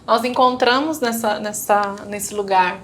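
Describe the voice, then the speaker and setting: A woman's voice: mid-range voice, a little slow, slight background noise. A woman with a Brazilian Portuguese accent, a guest telling her own story in casual chat and acting out remembered conversations. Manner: storytelling, acting out remembered dialogue, frequent tag questions. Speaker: interview guest. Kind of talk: personal testimony in casual chat.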